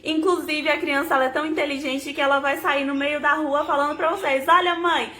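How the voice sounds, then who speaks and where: Young woman teaching parents reading tips, high bright voice, slow and patient, sounds out syllables. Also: steady tone. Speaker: educator giving parenting tips. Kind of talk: casual tutorial to camera.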